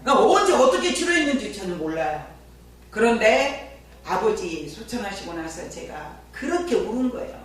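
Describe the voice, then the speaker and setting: A woman's voice: medium pitch, moderate pace, distant mic. A woman pastor giving a sermon with personal testimony, telling stories and chatting with the congregation. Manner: lively storyteller who chats with the congregation. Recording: very echoey church from afar, faint hum.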